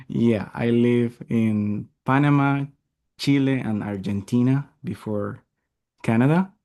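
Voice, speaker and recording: A Venezuelan software engineer joins as a guest over a video call, answering interview questions thoughtfully with a few hesitant restarts. He speaks slowly, with a medium-pitched voice.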